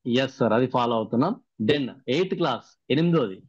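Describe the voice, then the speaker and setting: A man's voice: mid-range voice, lively intonation, fast talker, no echo. A man, the trainer of a workshop, recaps the sessions and keeps putting questions to the participants over a video call. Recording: dry, muffled video-call audio.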